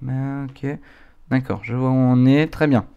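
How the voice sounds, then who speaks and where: A man's voice: medium pitch, steady tone, unhurried, warm tone, dull audio. Jumpy male horror game streamer, noisy background. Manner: scared, jumpy gamer reacting aloud. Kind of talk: casual horror game commentary. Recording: clear background noise.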